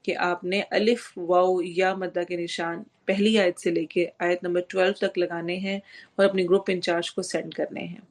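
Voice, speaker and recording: A woman teaching tajweed. She recites verses slowly and drawn out, then explains pronunciation rules step by step. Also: lowish voice, flat delivery. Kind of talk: online tajweed lesson.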